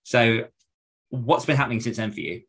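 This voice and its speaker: A man hosting a casual podcast interview, with hiss on his microphone from a loud computer. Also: medium pitch, moderate pace, gravelly, husky.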